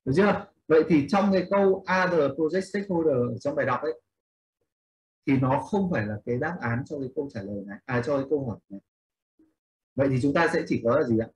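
A man's voice: a little high, quick pace, a little mellow, poor audio. A man teaching an English class in Vietnamese, explaining a reading step by step and questioning his students as he goes. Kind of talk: online class instruction.

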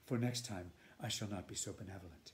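Shelish, a man doing a hushed swamp witch. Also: low-pitched, brisk, slight background noise, voice pushed down, close to an everyday voice. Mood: cold menace. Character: cold, knowing swamp witch, adult woman. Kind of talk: storybook read-aloud.

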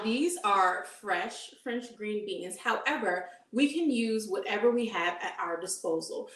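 A woman in her thirties, a dietitian, giving an upbeat live cooking demonstration in a home kitchen and asking her audience questions. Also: on the high side. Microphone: camera at medium distance. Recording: echoey kitchen room sound.

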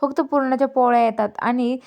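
A woman reading the lines of a bossy, scolding young man, fussy caretaker, high voice, retold serial story. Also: steady tone, fairly quick, a little mellow.

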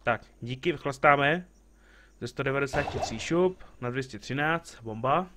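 Over a noisy background, a man with a mid-range voice provides casual gameplay commentary on his live stream. He greets arriving viewers and cracks jokes with the game's characters.

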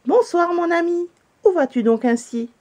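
A woman puts on a clever, kindly owl in a storybook, her voice lifted high and soft. She sounds gentle and encouraging, with a mellow tone. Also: animated, moderate pace.

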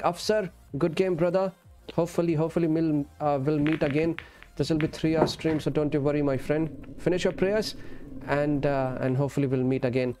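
Streaming a game from his indoor setup with music in the background, a man chats in a casual, friendly way. His voice is fairly high and mellow, and he mixes English with Urdu while calling viewers friend and brother.

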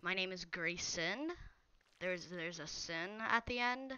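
A young woman live-streams a game, chatting casually and teasing viewers as she reads their messages, talking straight to them. Her fairly low voice is expressive, slow, pushed and bright, and smooth, and the audio is dull.

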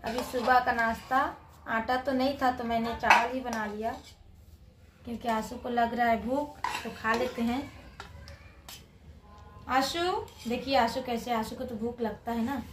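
Young woman vlogger, high bright voice, casual phone-camera chat, faint room noise. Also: level tone, a little slow, long pauses. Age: 20s. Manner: chatty, shows things to viewers. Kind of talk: casual home vlog chat. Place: home kitchen and rooftop.

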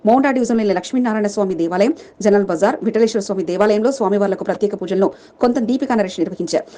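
A woman reading scripted local news as a voice-over, rattling through long lists of names. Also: medium pitch. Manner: rapid, even newsreading through long name lists. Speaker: news reader.

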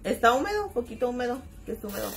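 A woman's voice: fairly high pitch, very animated, very fast. A middle-aged woman from northern Mexico with a Mexican accent, chatting casually on a makeup live stream, exclamatory and chatty. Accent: Mexican (Baja California). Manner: chatty, exclamatory, keeps calling viewers "chiquillas". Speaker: makeup vlogger. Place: home room by her vanity.

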